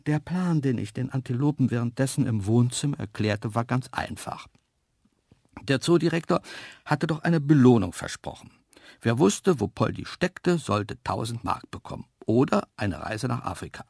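Gravelly man reading a playful story. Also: medium pitch, normal speed, no room sound, studio quality. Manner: lively, playful first-person storytelling with hushed asides. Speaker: narrator.

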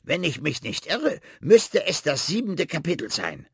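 A greedy, know-it-all bookworm rat from a children's story, put on by a man. The voice sits high and a little husky. It snaps and talks down to the boy it lives with. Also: huge pitch swings, a little slow, no echo, studio quality, heavily acted. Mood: condescending. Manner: snappish and condescending.

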